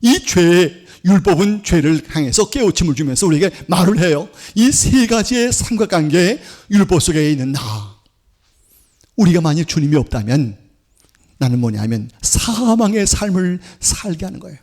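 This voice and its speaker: A man's voice: sits high, animated, moderate pace, darkish tone. A male pastor preaching a Sunday sermon in church, often turning to the congregation with questions and answering them himself. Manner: acts out accusing voices of law and sin. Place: church sanctuary.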